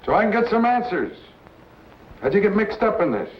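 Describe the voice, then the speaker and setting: Old B-movie tough guy: cynical male safecracker, curt and slangy, lively pitch swings, muffled track. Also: fairly quick. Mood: brusque. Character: hard-boiled male safecracker, cynical and self-interested. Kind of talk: vintage B-movie film acting. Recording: muffled old film soundtrack, noisy.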